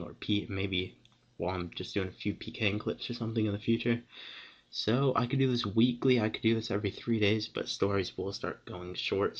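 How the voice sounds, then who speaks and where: Deep gravelly teenage guy rambling excitedly. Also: highs cut off. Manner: rambling, excited, full of restarts and "like". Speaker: vlogger. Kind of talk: casual storytelling to camera.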